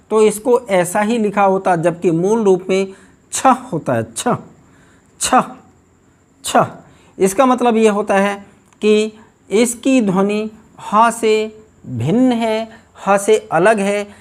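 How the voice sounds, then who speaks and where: A man teaching pronunciation, speaking slowly and emphatically and repeating example words to contrast sounds. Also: sits high. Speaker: Hindi teacher. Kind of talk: pronunciation lesson.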